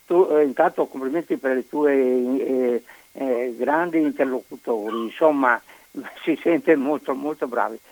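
A man from Padua calling in to a radio show over the phone, talking haltingly and searching for his words. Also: mid-range voice, darkish tone, no room sound. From Padua, Italy. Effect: caller heard over a phone line. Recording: dull lo-fi phone line.

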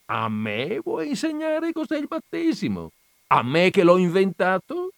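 A stern, patient Christ figure, voiced by a male reader in a storybook audiobook, admonishing in a raised, emphatic voice. The pitch swings widely and the delivery is dry and close. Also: lively intonation, moderate pace, dry recording, lightly acted. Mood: scolding. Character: Christ on the crucifix, stern yet patient, scolding. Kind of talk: dramatized audiobook reading.

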